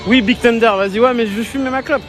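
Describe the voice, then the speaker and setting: A man's voice: extremely high pitch, fairly even intonation, fast talker. A man hosting a casual live vlog from an outdoor theme park on his phone, chatty and slangy, swearing now and then. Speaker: livestream host. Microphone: handheld phone. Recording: park music and crowd noise behind.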